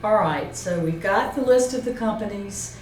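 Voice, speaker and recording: Speaking at a normal speed, this woman has a medium-pitched, somewhat dark voice. She's a seminar presenter giving an informal instructional talk, going through things step by step and checking points with a colleague. The recording is roomy and echoey, with a distant mic and faint noise.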